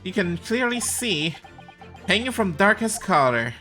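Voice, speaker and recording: A woman's voice: mid-range voice, big pitch swings, a little slow, a bit bright, soft background music, pitched above the performer's own voice. A woman doing a grandiose male detective. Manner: grandiose, declaiming. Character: pompous theatrical male gentleman detective.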